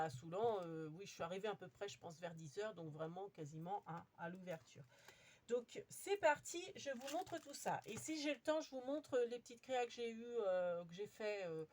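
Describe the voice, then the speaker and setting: A woman's voice: medium pitch, a little mellow, a little hiss or hum. A woman chatting casually as she shows off her craft haul, talking with lots of fillers and restarts. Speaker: crafting vlogger. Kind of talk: casual show-and-tell haul.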